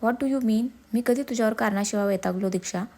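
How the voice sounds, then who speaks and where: A woman's voice: on the high side, fairly quick, warm tone, natural voice. A woman voicing an irritable, overworked young husband in a storybook reading. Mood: irritated. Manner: curt, exasperated, then coaxing.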